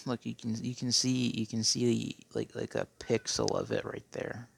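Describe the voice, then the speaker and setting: A man's voice: mid-range voice, flat delivery, measured pace. A man giving casual, rambling gameplay commentary, with a phlegmy throat and a habit of tacking on "okay?". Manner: rambling, keeps clearing his throat, tacks on "okay?". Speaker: Minecraft player.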